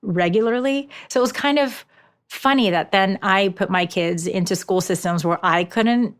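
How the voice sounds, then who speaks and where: With a clean, mid-range voice at moderate pace, this guest, an author and education consultant in her forties and a native Japanese speaker, animatedly recounts stories in a conversational interview, often restarting her sentences.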